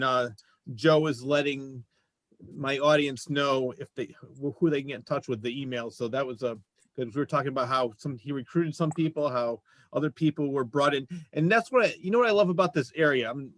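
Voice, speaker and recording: A talk show host chats with his guests in a casual, jokey way. His mid-range voice moves a little fast, and the sound is dry with no echo.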